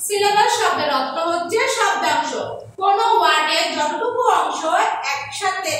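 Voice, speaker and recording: A woman teaching an online English class to young pupils in Bengali, repeating each definition slowly so they can write it down. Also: extremely high pitch, pushed and bright. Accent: Bangladeshi Bengali. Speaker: primary school English teacher. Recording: echoey room, mic at a distance, faint background noise.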